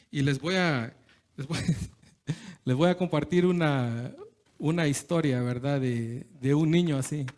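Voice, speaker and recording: Male preacher, high voice, chatty and halting sermon delivery, sprinkles in English. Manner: conversational, keeps asking "¿verdad?", slips into English words; hesitant restarts, chuckles between phrases. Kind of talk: informal Spanish sermon.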